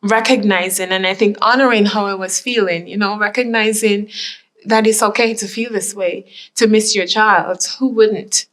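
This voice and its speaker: A woman's voice: mid-range voice, steady tone, normal speed, fairly bright tone. A woman from Jamaica reflecting on her life in an oral history interview, often saying "you know". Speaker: interviewee, nurse.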